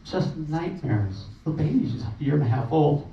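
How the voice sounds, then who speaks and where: Man telling a halting story, gravelly. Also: a little high, animated. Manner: halting, with many restarts. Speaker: relief volunteer recounting a trip. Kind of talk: emotional storytelling at a meeting. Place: meeting room. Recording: roomy, distant, muffled, faint noise.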